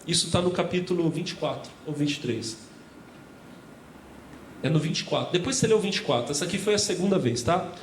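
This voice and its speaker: Brazilian pastor guy preaching, pretty high voice, acts out the story voices, echoey church. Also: a little fast, long pauses, slight background noise. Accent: Brazilian Portuguese. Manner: animated storytelling, acting out voices, addressing congregation as brothers. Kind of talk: sermon. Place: church hall. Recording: echoey church hall with faint ambience.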